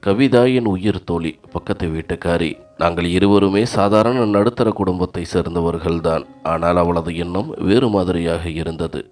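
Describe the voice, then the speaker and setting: A man narrating a dramatic short story with a very deep, low voice. His reading is steady and scripted, carrying the tale at an even storybook pace. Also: moderate pace, hardly any pauses.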